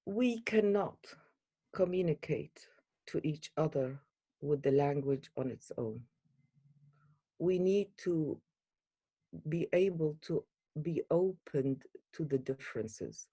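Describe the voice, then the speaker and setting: Woman from iraq talking in an interview, slow and halting, lots of uhs, dead dry sound. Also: deep voice, lively intonation, dark tone, no room sound. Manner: hesitant, pausing with fillers, earnest. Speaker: guest.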